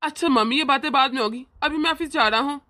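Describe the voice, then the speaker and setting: A woman's voice: high voice, fast talker, sharp tone. A woman voicing a doting older brother who talks in an indulgent, reassuring way, in a homemade family drama.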